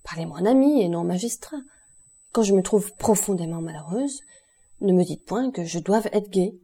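A woman's voice: mid-range voice, expressive, moderate pace, dark tone, husky. A woman reading the part of a proud, distressed baroness who speaks with pained dignity in an audiobook. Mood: dignified pleading. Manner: dignified, pleading. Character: proud distressed baroness, middle-aged mother.

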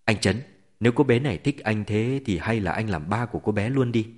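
A man voicing a cheerful, teasing young male sidekick who talks quickly and jokes in a storybook reading. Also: on the low side, expressive, darkish tone. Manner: quick and joking.

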